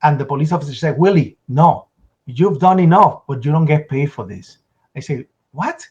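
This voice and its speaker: A man giving emotional first-person testimony in an interview, telling his story urgently and acting out shouts and the words people said. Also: fairly high pitch, expressive, normal speed, dull audio. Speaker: interview guest.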